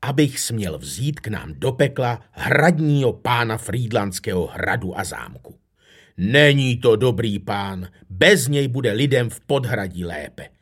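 A man reading a children's storybook, voicing a grumpy but good-hearted male devil who talks gruffly and slowly. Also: medium pitch, expressive, a bit bright. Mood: friendly.

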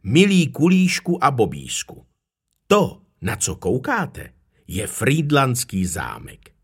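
A friendly female swallow from a children's storybook, speaking kindly in a slightly raised, husky voice as a male narrator puts her on. The lines rise and fall with lively pitch. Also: full character voice. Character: friendly female swallow who carries the elves.

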